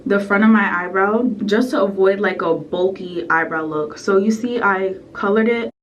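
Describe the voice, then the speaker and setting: A woman's voice: mid-range voice, moderate pace, recorded from a distance, a little hiss or hum. A young woman chatting casually through a makeup tutorial at home, full of fillers and asides, sounding a bit sick. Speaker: beauty vlogger. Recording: roomy echo, set back from the mic.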